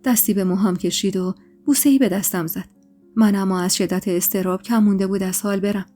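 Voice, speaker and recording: Faint music plays behind a female storyteller as she reads a dramatic first-person tale with emotion and expression. Her voice sits in the mid range.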